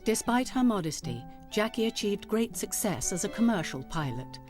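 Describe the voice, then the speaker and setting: A woman giving measured, scripted documentary narration. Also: mid-range voice, big pitch swings, darkish tone. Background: music.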